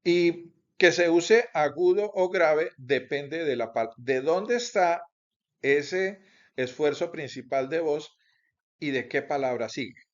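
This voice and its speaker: Slow-paced man teaching a class. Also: a little high. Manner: slow, deliberate explaining with pauses and self-corrections. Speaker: Bible Greek teacher. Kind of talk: recorded class lecture. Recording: dull lo-fi recording.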